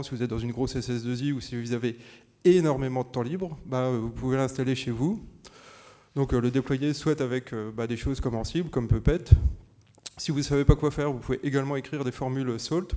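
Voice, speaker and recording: Mellow-voiced French man giving a talk. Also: mid-range voice. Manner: hesitant, filler-heavy and joking. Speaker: conference speaker. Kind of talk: casual lightning talk.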